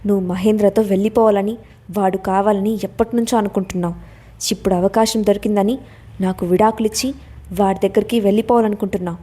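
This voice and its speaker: A woman's voice: mid-range voice, fairly even intonation, quick pace, lightly acted. A woman voicing an angry, jealous young husband who hurls accusations in an audio story. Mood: furious. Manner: accusing, shouting.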